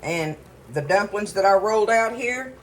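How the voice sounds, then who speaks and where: A chatty woman talks through a recipe in her home kitchen, folksy and rambling, her pitch sitting in an ordinary middle range. A faint hum of ambience sits behind her voice. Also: animated, normal speed, rough recording. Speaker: cooking show host. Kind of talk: casual cooking demonstration.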